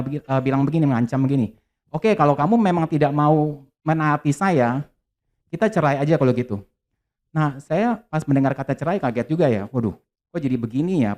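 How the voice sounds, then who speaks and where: Male preacher, sermon storytelling, animated delivery, somewhat high voice. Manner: lively retelling with acted quotes.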